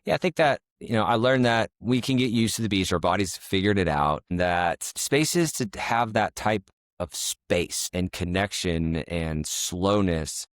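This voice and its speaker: A middle-aged man co-hosting a podcast, telling family travel stories in a relaxed, rambling way. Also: low-pitched, a little slow, no echo, studio quality. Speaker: podcast co-host. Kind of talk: casual storytelling chat.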